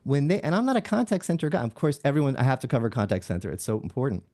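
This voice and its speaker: A man on a tech analyst panel who talks with animated energy and acts out what others said. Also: medium pitch, very fast. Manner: animated, acts out quotes with rising excitement. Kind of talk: casual panel discussion.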